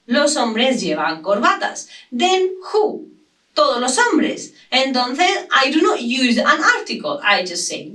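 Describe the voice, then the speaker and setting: Slow, emphatic woman teaching English. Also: high voice, pushed and bright, recorded from a distance. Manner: slow, emphatic, repeats example sentences. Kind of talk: online English grammar lesson. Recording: roomy echo, voice off-mic.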